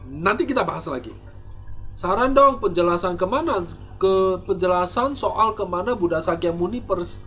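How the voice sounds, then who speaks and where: A man's voice: high-pitched, a bit bright. A man, a Buddhist monk, giving a dharma talk and answering viewer questions with rhetorical questions, teasing humor and frequent restarts. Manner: frequent restarts and repeated words.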